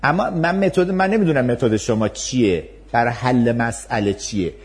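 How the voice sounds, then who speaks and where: A male university lecturer giving a class, calmly acting out patient, empathetic replies to a student. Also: mid-range voice. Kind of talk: class lecture with role-play demonstrations.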